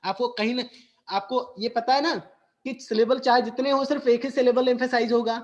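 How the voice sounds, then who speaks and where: Indian English teacher explaining patiently. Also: male voice, very high voice, steady tone, darkish tone, highs cut off. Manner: switches between Hindi and English, slow and deliberate explanations. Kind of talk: bilingual classroom teaching. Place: school classroom.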